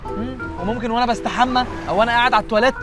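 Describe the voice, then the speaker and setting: An actor playing an anxious young husband in a TV comedy, speaking with an Egyptian Arabic accent in a flustered, exasperated way. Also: male voice, very high-pitched, steady tone, rapid-fire, music in the background. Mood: panicked. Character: frazzled young husband, anxious and quick to panic. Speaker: software engineer husband. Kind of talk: TV comedy series acting.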